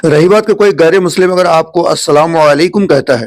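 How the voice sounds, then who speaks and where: A man from India hosts a religious program in a fairly high voice. He speaks straight to his viewers and summarizes the answer in a plain, explanatory way. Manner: addresses viewers directly, summarizing. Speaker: host of an Islamic channel.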